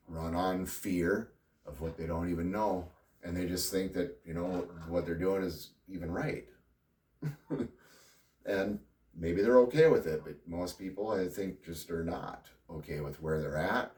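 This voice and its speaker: A middle-aged man speaking candidly and at length about his life, rambling with wry laughs. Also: deep voice. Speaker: vlogger. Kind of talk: personal confessional monologue. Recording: roomy sound, distant from mic.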